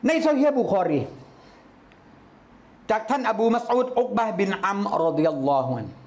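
High-voiced man giving a lively religious lecture. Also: normal speed. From Thailand. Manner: lively, calling out chanted phrases loudly. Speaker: Islamic religious teacher.

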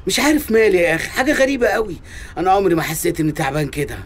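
Fast-talking Egyptian shopkeeper. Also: male voice, high voice, very animated. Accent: Egyptian Arabic. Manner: fast, teasing, wheedling. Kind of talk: comic radio drama.

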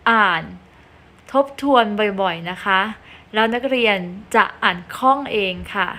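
A woman's voice: medium pitch, measured pace, pushed and bright. A woman teacher giving a patient classroom reading lesson, reciting letters one by one.

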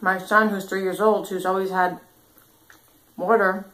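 A woman's voice: mid-range voice, level tone, measured pace, fairly bright tone, poor audio. A young adult woman chatting casually while chewing, talking with her mouth full and rambling with lots of fillers. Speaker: mukbang host. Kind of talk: casual eating vlog chat.

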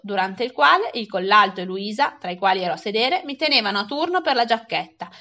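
A woman reading a children's novel aloud with expressive storytelling. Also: on the high side, highs cut off. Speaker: reader.

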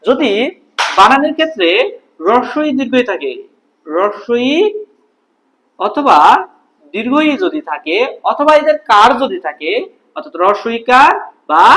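Tutor, animated pitch, rhetorical-question teaching style. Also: rough recording. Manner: explains step by step, asks and answers own questions. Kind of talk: classroom grammar lesson.

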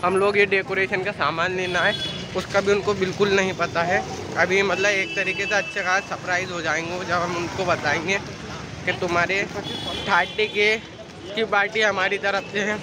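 A man's voice: high voice, level tone, normal speed. A young man vlogging casually on a street and urging viewers to like, share and subscribe. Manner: chatty, pleading with viewers. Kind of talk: casual vlog chat. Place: outdoors at a market. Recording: noisy street outdoors.

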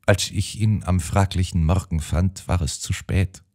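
A man's voice: low voice, measured pace, warm tone. A man voicing an anxious, timid elderly spinster sister in an audiobook. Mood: pleading. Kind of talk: audiobook character voice.

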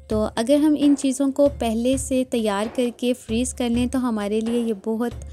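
Calm woman narrating a shopping vlog. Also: a little high. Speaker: vlogger.

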